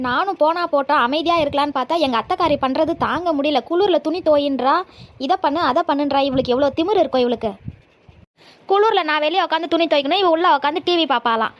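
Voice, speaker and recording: A woman playing a feisty, sharp-tongued young daughter-in-law in a comedy skit. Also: sits high, fast, lightly acted. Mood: grumbling.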